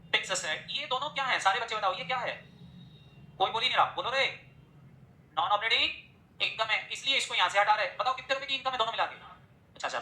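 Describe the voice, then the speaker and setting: A male accounting teacher delivers a classroom lecture at a brisk clip, constantly drilling his students with rapid-fire questions. His voice comes across bright and forceful, and the recording carries noticeable room echo. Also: very high voice, slight background noise. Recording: echoey room.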